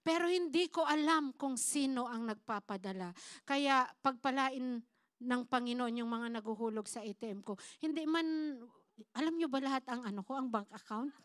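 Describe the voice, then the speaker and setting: High-voiced woman pastor telling a testimony. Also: normal speed, no room sound. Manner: addresses the congregation as "mga kapatid"; storytelling with acted-out quoted dialogue. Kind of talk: Tagalog sermon testimony, mixing in English. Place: church.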